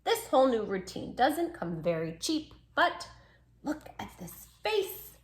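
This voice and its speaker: In a children's storybook read-aloud, a woman gives full character voice to a sweet, plucky little male dachshund telling his own tale with earnest, dramatic emphasis. Her voice sits high with big pitch swings and a slightly slow pace, and the mood is plucky and reassuring.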